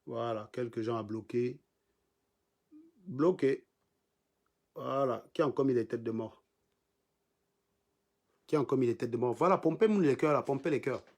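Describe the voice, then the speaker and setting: A man's voice: medium pitch, moderate pace, long pauses, a little mellow. A man with a Cameroonian French accent hosting a livestream, mocking and insulting his commenters in a combative rant, repeating lines for emphasis. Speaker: livestream host. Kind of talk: insulting live-stream rant.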